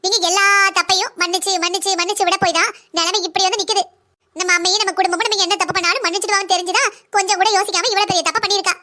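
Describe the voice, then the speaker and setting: For a cartoon drama, a woman voices a young daughter-in-law who is blunt and defiant, speaking fast in a lecturing way. Her voice is very high-pitched, bright and forceful, with a steady tone.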